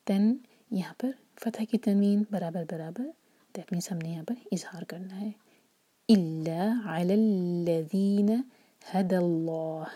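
A woman teaching recitation step by step, often half-whispering her explanations and drawing out each recited word slowly. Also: on the low side, slightly rough, no echo. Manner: soft, often whispered explanations between slow drawn-out recited words.

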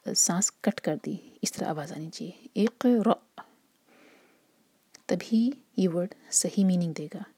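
A woman teaching Quran recitation rules, speaking softly and patiently, often in a half whisper, slowly sounding out example words. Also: on the low side, breathy edge, no echo. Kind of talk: tajweed lesson with slow recitation examples.

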